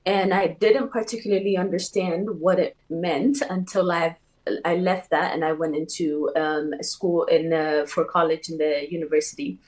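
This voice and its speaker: Woman, young adult, from Ethiopia, low-pitched, reflective, halting, panel conversation. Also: steady tone, a little mellow, poor audio. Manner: reflective, halting with many fillers. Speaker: panel guest.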